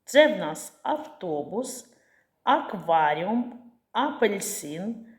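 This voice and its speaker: Speaking deliberately to young children, this teacher walks through each step and supplies answers to the questions she asks, her mid-pitched voice swinging widely up and down. The lesson is slow and clear, and the space she's in is echoey.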